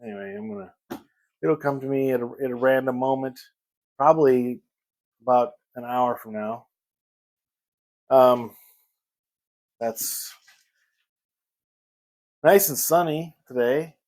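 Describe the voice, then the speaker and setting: A man vlogging a casual morning chat at home, rambling and pausing to search for the right word. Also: medium pitch, a little mellow. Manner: rambling, pauses to search for words.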